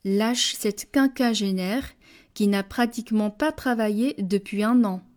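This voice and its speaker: Woman, dictation reader, very slow and measured, warm mellow tone, repeats each phrase. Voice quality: measured, deliberate, dropping low on punctuation words. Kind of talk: slow French dictation, each phrase read twice with punctuation spoken.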